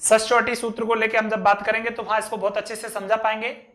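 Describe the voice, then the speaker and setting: A man teaching a grammar lesson, reciting a verse slowly and then explaining it word by word. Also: sits high, little pitch movement, fairly bright tone.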